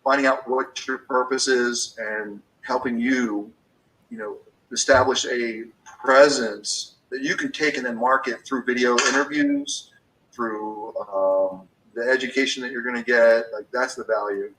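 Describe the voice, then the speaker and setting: A man's voice: medium pitch, steady tone, unhurried, fairly bright tone, recorded from a distance, low-quality recording. A man in his fifties talking casually about business, rambling with many restarts and fillers. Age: 50s.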